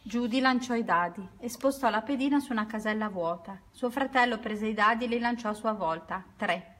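A woman reading a children's story aloud at an unhurried pace, now and then correcting herself. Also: on the high side, a bit bright.

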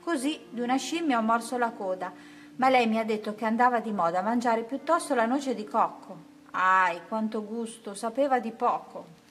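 A small, hungry boy crocodile from a storybook calls out in a raised, loud voice, as a woman reads him. He stays polite and apologetic. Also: on the high side, normal speed, slight background noise, close to an everyday voice. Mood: complaining.

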